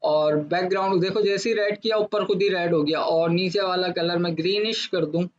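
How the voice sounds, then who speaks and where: A man teaching a software design class step by step, asking himself questions and then answering them. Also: sits high, steady tone, muffled recording. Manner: explains step by step with rhetorical questions; says he talks fast to fast-forward. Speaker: design instructor. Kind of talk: screen-recorded software lesson.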